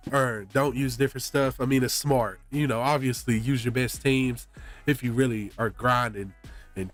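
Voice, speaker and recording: A man's voice: medium pitch, a bit bright. Stuffy-nosed man chatting casually on stream. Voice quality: congested, stuffy nose. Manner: slangy, often says "bro". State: sick with a blocked nose. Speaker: game streamer. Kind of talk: casual chat to stream viewers.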